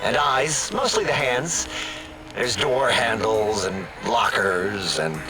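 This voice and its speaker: An actor playing an insecure, sardonic robot scientist in a video game, with a flippant, halting, awkward delivery. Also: male voice, mid-range voice, lively intonation, low-quality recording. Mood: awkward, defensive. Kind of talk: comic video game voice acting. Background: music.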